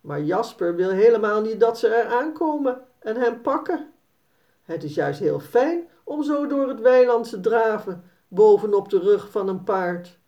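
A woman reading a children's story aloud in a calm, gentle storytelling manner. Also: medium pitch. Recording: dull, slightly distant recording.

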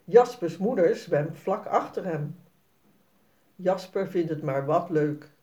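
Slow woman reading a children's story. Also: fairly low pitch, lively intonation, warm tone. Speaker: narrator. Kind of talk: children's story read aloud.

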